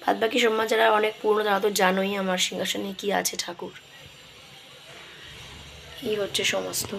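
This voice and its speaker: A hoarse woman, chatting through her day at home as she cooks. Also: medium pitch, little pitch movement, brisk, a bit bright, a little hiss or hum, low-quality recording. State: hoarse, straining to speak. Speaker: vlogger. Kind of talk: casual daily vlog narration. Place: home kitchen.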